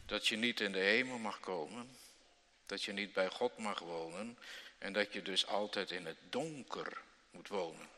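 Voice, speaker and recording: A man preaching to children in a church, telling the story slowly and dramatically, with sudden loud outbursts and questions to his listeners. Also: fairly low pitch. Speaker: pastor. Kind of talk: children's sermon. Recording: long church reverb.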